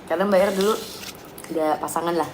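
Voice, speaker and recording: A young woman with a lowish, a little mellow voice and fairly even intonation talks fast as a live stream co-host, telling stories and giggling in casual chat while she eats. The room is echoey with faint noise, and cutlery and dishes clink in the background.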